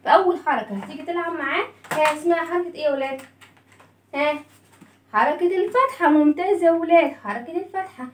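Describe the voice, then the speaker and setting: High-voiced Egyptian teacher drilling kids. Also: female voice, fast talker, distant mic, slight background noise. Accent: Egyptian Arabic. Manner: encouraging, drilling sounds, asks questions. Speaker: children's teacher. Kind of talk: kids' reading lesson. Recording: echoey room, away from mic.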